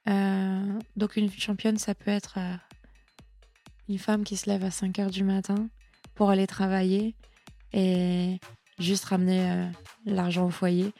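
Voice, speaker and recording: A woman speaking as a sports nutritionist guest in a casual interview. She is chatty and lively and often repeats words while she thinks. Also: medium pitch, slow, soft background music. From Italian heritage.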